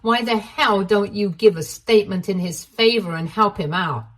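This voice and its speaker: A woman's voice: medium pitch, takes it slowly, lightly acted. A woman voicing a scornful cheating ex-wife who pouts, whines and accuses. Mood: accusing. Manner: pouting, whiny and accusing.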